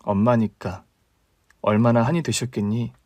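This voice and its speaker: A man voicing a caring older sister in a radio drama reading, calm and consoling in a low, quiet tone. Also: moderate pace, no echo, natural voice. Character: young woman, steady caring older sister.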